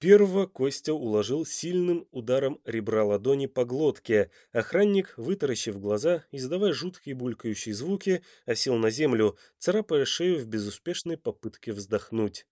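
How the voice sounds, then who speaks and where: A man reading an audiobook in an expressive, dramatic style, close to the mic. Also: medium pitch, normal speed, few pauses, no room sound. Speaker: audiobook narrator. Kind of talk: scripted audiobook narration.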